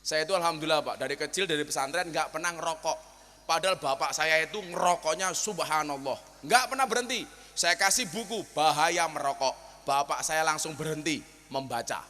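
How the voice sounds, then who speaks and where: A man's voice: a little high, fairly quick, bright, forceful tone. A man with a Javanese accent preaching a humorous sermon to a crowd, joking and telling stories as he switches between dialects. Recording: long hall reverb.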